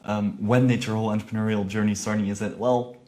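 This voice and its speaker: A man's voice: lowish voice, fairly even intonation, quick pace, darkish tone. A man hosting a podcast, introducing and questioning his guest in a casual, encouraging way with frequent "yeah" agreements. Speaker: podcast host. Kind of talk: conversational interview.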